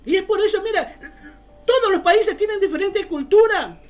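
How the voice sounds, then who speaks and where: A woman's voice: very high-pitched, lively intonation, normal speed, faint music behind. A woman preaching a fervent sermon, often calling her listeners brother.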